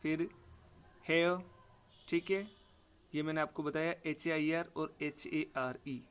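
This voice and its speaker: A man's voice: on the high side, fairly even intonation, takes it slowly, clean tone. A man teaching pronunciation for an exam, spelling out words letter by letter and often asking "ठीक है ना" to check understanding. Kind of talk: exam prep lesson.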